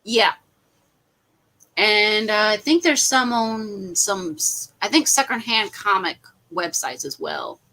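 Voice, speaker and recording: A woman's voice: mid-range voice, wildly swooping pitch, slow, vocal fry, bright, forceful tone, poor audio. A woman hosting a casual livestream watch party, chatting animatedly and laughing often. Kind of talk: casual group chat on a livestream.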